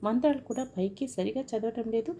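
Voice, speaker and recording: A woman's voice: a little high, a little fast, dark tone. A woman voicing a suspicious young man at a wedding, reading him plainly.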